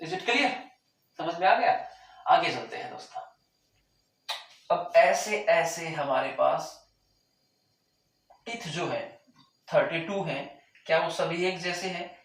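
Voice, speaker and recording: A man teaching a lesson, repeating key terms and asking the class whether it is clear, with a sore throat that keeps making him clear it. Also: fairly high pitch. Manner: repeats key terms, asks rhetorical check questions. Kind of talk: classroom lecture. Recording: very echoey room, mic far off.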